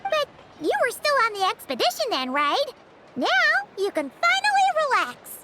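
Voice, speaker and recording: Paimon, a squeaky little fairy girl. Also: huge pitch swings, moderate pace, background noise, full character voice. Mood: teasing. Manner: talks about herself in the third person. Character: tiny floating fairy-like girl companion, chirpy and nosy. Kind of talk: video game voice acting. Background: game music.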